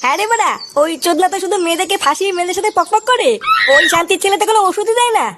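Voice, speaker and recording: A woman's voice: very high-pitched, racing, fairly bright tone, a little hiss or hum. A woman voicing a cheeky young village lad. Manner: cheeky, crude slangy banter. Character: brash young village club lad, male.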